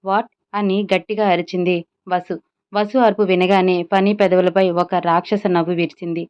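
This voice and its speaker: Woman storyteller, scripted narration, smooth tone; lo-fi sound. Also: on the low side, level tone, normal speed.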